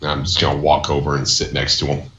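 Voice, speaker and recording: A man's voice: extremely low pitch, completely flat delivery, quick pace. A man playing a tabletop game casually with a dry, offhand manner, in a dull, echoey recording with background noise. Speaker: player.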